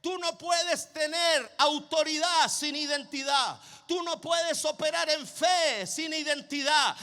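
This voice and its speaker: A man's voice: very high voice, bright, forceful tone. A man preaching a sermon, emphatic and repetitive, calling on the congregation to repeat his words. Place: church sanctuary with long reverb. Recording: long hall reverb.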